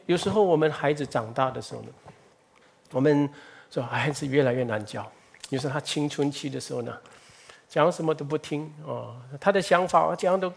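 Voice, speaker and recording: A man's voice: fairly high pitch, gravelly, breathy edge. A middle-aged male pastor preaching a sermon in an earnest way, asking the congregation rhetorical questions and building up emphasis.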